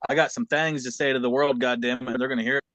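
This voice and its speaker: A man's voice: mid-range voice, steady tone, fast talker, fairly bright tone, no room sound, low-quality recording. A man taking a singing lesson, who stammers and repeats words and swears freely in casual talk. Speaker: voice student.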